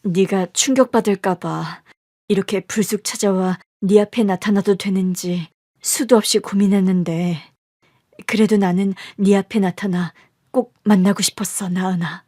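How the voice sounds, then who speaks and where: A woman's voice: mid-range voice, fairly even intonation, normal speed, no room sound, clean studio sound, close to an everyday voice. Woman as a confiding middle-aged mother. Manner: soft, confiding storytelling. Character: middle-aged birth mother telling her hard past.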